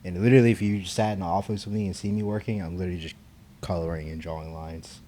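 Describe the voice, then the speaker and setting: There's slight background noise as a young man with a deep, mellow voice talks fast with fairly even intonation. Co-hosting a podcast, this concrete estimator keeps the chat casual and rambling, restarting often and using many fillers.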